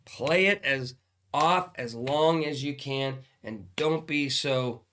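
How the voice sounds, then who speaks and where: Bright-voiced grumpy old man giving advice. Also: medium pitch, slow pace, slight background noise. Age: older. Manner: grumpy old man, mock-stern and blunt. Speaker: podcast host giving advice as a grumpy grandpa. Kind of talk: casual comedic advice chat.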